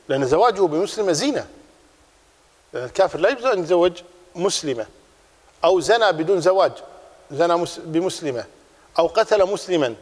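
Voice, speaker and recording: A man teaching a religious class, explaining a text in a lively way and repeating his key points. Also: fairly high pitch, in a large hall.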